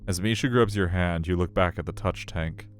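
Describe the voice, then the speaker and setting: A streamer reads a visual novel aloud in a storytelling style, mixing narration with casual asides. He has a low-pitched voice at a normal speed, and music plays under it.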